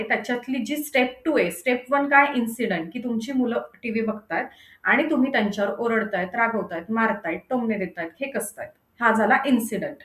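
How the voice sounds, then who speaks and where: A woman's voice: fairly high pitch, fairly bright tone, roomy sound. A woman giving a parenting lecture who keeps asking her listeners questions and repeats phrases for stress. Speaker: parenting coach.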